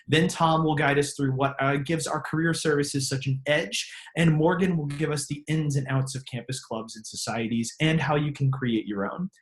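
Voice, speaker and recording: A man's voice: fairly high pitch, fairly even intonation, moderate pace, hardly any pauses. A man hosting an online open house on a video call, reading scripted introductions with small slips. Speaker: host. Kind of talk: webinar hosting.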